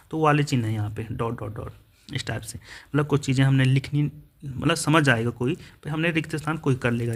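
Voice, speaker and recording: A man leads an exam-prep grammar lesson in a plain, mid-pitched voice. He explains each point step by step and works through example sentences one at a time. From India. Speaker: teacher.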